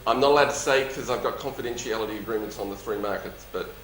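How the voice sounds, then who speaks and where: A man's voice: on the low side, fast talker, fairly bright tone. A man with a lisp speaking as a company executive in a question-and-answer session, with a jovial, dryly humorous, emphatic manner. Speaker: company executive presenting and taking audience questions. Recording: roomy echo, faint background noise.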